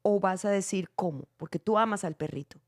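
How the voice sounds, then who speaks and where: A woman's voice: mid-range voice, a little fast, no echo, clean studio sound. A middle-aged woman hosting a family podcast, talking animatedly and acting out the things people say. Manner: animated, acts out quotes with shifting voices. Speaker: podcast host and church theater director. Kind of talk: casual family podcast chat.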